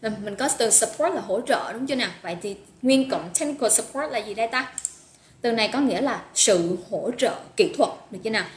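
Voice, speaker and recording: A woman's voice: a little high, lively intonation, fast. A woman teaching an English vocabulary lesson live online, upbeat, praising students by name and drilling pronunciation. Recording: echoey room with faint noise.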